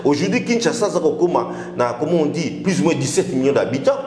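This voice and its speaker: A man's voice: fairly high pitch, animated, normal speed, darkish tone. Emphatic man, echoey room. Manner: emphatic, mixes French and Lingala. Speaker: political guest. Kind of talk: political talk show discussion.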